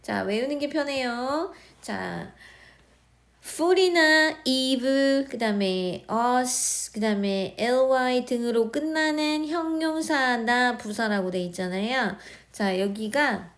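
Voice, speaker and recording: Slow-explaining Korean woman teacher. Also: on the high side. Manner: slow, explaining, repeating words and checking understanding. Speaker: English grammar teacher. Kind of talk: recorded lesson.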